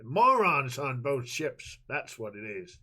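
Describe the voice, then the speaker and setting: A man playing a gruff old harbor master. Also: medium pitch, sing-song, slow pace, pushed and bright, exaggerated voice. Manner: brusque, grumbling, casual.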